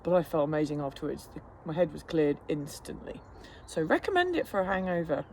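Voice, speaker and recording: Man, higher-pitched voice, casual vlog chat, rambling and self-deprecating, braced against the cold, noisy outdoor recording. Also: animated, brisk, creaky. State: cold-stressed, sitting in icy water. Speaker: fitness instructor vlogger. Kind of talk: casual chat to camera during a cold plunge. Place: outdoors in an ice bath.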